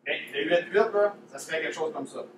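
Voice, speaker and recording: A man's voice: fairly high pitch, fairly quick. A man with a Quebec French accent teaching a drumline technique workshop in a casual, demonstrative way, repeating key points. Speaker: drumline instructor. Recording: echoey room, mic far off, noisy.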